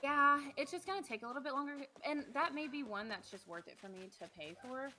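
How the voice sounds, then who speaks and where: A woman's voice: high voice, quick pace, sharp tone. A woman co-hosting a casual podcast stream, chatting in a rambling, self-deprecating way while she plays. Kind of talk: casual chat while playing a game.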